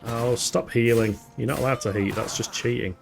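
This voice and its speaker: A man's voice: mid-range voice, moderate pace, creaky, over music. A man giving casual, joking commentary as he streams a game, laughing often.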